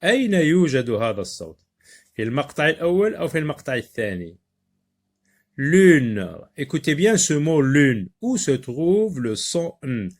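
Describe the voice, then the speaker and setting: A man's voice: fairly high pitch, big pitch swings, very fast. A man with a Moroccan accent teaching a phonics lesson to children, sounding out words syllable by syllable and moving between French and Arabic. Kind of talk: phonics lesson for young learners.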